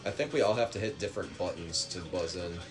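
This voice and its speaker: A man hosting casual gaming chat, joking and excitable, trading banter with friends. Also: low-pitched, fast. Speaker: host. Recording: music playing behind.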